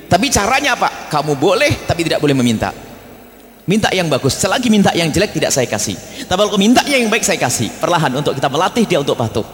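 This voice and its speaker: A male preacher delivering a sermon to a congregation, his voice pitched a little high and swinging widely up and down. He is blunt and emphatic, scolding one moment and gentle the next. A long hall reverb trails every phrase. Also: very animated, fast. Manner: emphatic, blunt scolding mixed with tender asides. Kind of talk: religious study sermon to a congregation.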